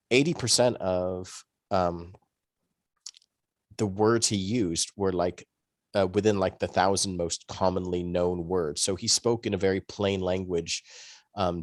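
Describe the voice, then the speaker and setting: In a dry, studio-quality recording, a man with a low voice rambles conversationally as a podcast panelist, explaining things in casual discussion.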